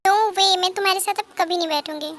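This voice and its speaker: A woman's voice: very high voice, steady tone, quick pace, a bit bright. A woman plays a stubborn, touchy teenage girl who speaks huffily. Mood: huffy. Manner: huffy.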